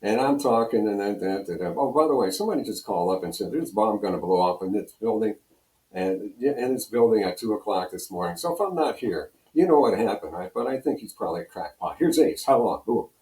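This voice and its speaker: An older man from Pennsylvania, guesting on a radio interview, speaks a little fast in a lowish, dark, expressive voice. He rambles casually through anecdotes and acts out dialogue, recorded with a roomy, echoey sound.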